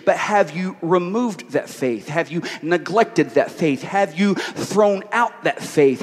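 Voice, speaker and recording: Pastor guy preaching, high voice, repeats himself, goes loud then quiet, echoey hall. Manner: repetitive, rhetorical questions, swings from loud to hushed. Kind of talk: sermon. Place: church hall with an audience. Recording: long hall reverb.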